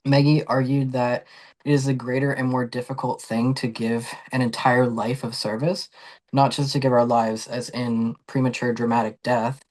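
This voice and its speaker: An earnest speaker gives a measured tribute over a video call. The delivery is flat and even in pitch, broken by hesitant fillers. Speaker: former parishioner giving a tribute. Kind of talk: prepared tribute in a webinar.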